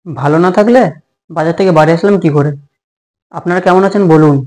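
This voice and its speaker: A man playing a short-tempered young husband in a comic home drama, snapping and quick to take offence. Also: a little high, darkish tone, lightly acted. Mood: indignant.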